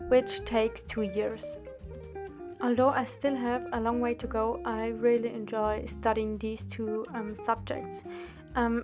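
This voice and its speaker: A woman of twenty-one from Austria, narrating a drawing video in a careful, scripted way. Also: a little high. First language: German. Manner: careful, steady, read-out delivery. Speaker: art student and drawing channel host.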